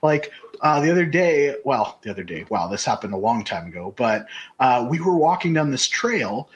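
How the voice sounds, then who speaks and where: A podcast co-host chats casually in a rambling, conversational way. His mid-range voice swings widely in pitch and keeps a moderate pace.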